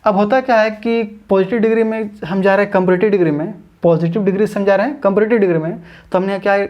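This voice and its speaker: A man's voice: sits high, steady tone, fast talker, lo-fi sound. Man teaching english grammar, repeating points. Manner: repeats points and addresses viewers as friends and brothers. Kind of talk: explanatory online lesson.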